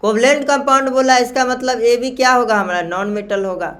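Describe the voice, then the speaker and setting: Male chemistry teacher, slow and repetitive. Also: very high-pitched, steady tone, fairly bright tone. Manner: repeats key terms slowly, checks understanding with questions. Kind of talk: classroom lecture on naming salts.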